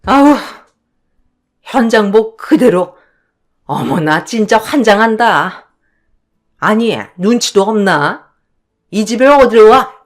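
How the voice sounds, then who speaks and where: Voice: medium pitch, expressive, slow pace, pauses often. A woman voicing a haughty middle-aged mother-in-law who speaks with sneering contempt in a radio drama. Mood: disgusted.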